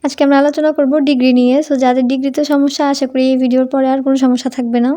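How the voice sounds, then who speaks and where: Racing through a Bengali-language English grammar lesson, a young woman speaks in a high, mellow voice with little pitch movement. She uses the informal tumi with her students and answers her own questions to them.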